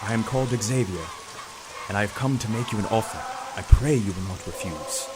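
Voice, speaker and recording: A man playing a grave, persuasive professor in an audio drama, measured, formal and earnest. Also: fairly low pitch, noisy background, close to an everyday voice. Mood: solemn, persuasive. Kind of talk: scripted audio drama acting.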